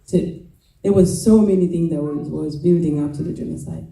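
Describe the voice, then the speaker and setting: A woman of about forty with a Rwandan accent gives a halting, reflective personal testimony, with many pauses and restarts. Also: low voice, vocal fry, warm tone. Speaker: genocide survivor giving a testimony. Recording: roomy echo, mic at a distance.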